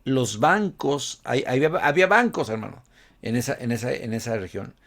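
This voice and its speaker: A man's voice: mid-range voice, normal speed, fairly bright tone. A man delivering a conversational sermon, often calling his listeners "brother" and asking them rhetorical questions. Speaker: preacher.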